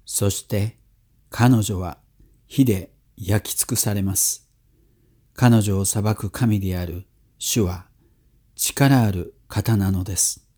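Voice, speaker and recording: A man giving a measured, solemn scripture reading as a scripted narration. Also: lowish voice, darkish tone, slightly rough. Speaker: scripture reader.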